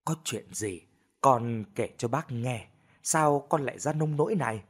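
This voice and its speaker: A man voicing a worried older village mother who scolds softly and sighs, in a storybook reading. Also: mid-range voice, big pitch swings, moderate pace, breathy edge. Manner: soft, sighing, scolding.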